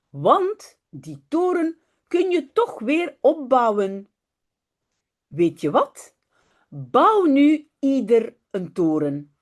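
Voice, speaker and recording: Woman teacher, storybook reader, slow pace, very animated pitch. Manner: slow, very lively storybook reading with shifting character voices; quick, chatty explaining between readings. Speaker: Dutch teacher. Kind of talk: reading a children's story aloud, then explaining.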